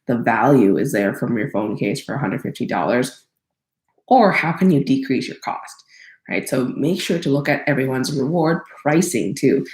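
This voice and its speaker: A Thai crowdfunding consultant offers casual advice alone, rambling with plenty of fillers and self-corrections. The voice is medium-pitched and slightly mellow, recorded with a roomy echo.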